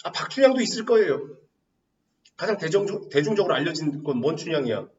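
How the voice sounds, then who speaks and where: A man teaching literature in a lively lecture, firing rhetorical questions and teasing his students. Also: a little high, fairly quick, roomy sound, recorded from a distance, dull audio. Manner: asks rhetorical questions and answers himself, teasing. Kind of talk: animated classroom lecture.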